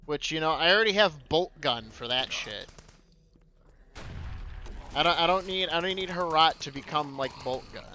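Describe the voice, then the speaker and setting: A man's voice: a little high, expressive, moderate pace, pauses often, pushed and bright, a little hiss or hum. A young man streaming a shooter game, complaining and swearing as he plays. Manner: profane, complaining, sardonic. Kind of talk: casual gameplay commentary.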